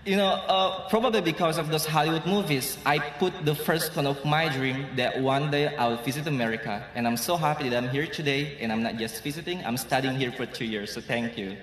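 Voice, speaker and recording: A man's voice: on the high side, fairly quick, few pauses, a bit bright. Indonesian man giving a graduation speech. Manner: earnest, grateful, light humor. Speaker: graduation speaker. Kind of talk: commencement speech. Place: large hall. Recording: echoey hall with crowd.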